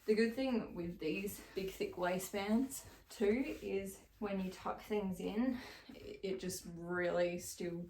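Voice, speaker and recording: A woman's voice: medium pitch, slow, few pauses, darkish tone, roomy sound, distant mic, a little hiss or hum. A young Australian woman vlogging in casual, chatty talk, gushing and full of "like". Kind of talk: casual chat.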